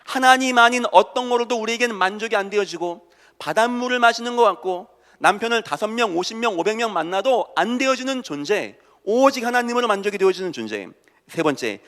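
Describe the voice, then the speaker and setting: A man preaching a sermon, his voice pitched a little high. He swings between loud exhortation and quiet, hushed asides. The long reverb of a church hall trails after his words. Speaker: pastor. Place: church sanctuary.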